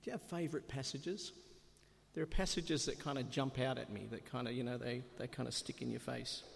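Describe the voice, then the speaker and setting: A man's voice: medium pitch, fairly even intonation, brisk, vocal fry, a little hiss or hum. A man preaching a sermon in a church, chatty and self-deprecating, asking the congregation rhetorical questions. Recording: long reverb of a church hall.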